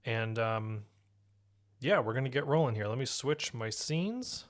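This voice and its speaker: A man's voice: mid-range voice, animated, unhurried. A man hosting a live stream, talking casually through a guitar pedal demo with loose, rambling explanations and self-corrections. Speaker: podcast host demoing guitar gear on a live stream.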